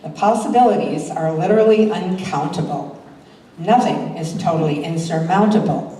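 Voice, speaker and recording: The fairly low, mellow voice of an older woman comes at a moderate pace as she introduces and recites poems she wrote herself. She's an amateur performing live at a church talent show, heard through a distant mic in a very echoey hall with faint noise.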